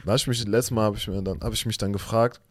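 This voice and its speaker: A young man co-hosting a podcast in a relaxed, rambling way, mixing English slang into his German. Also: lowish voice, quick pace, dry recording. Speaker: podcast co-host. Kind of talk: casual chat.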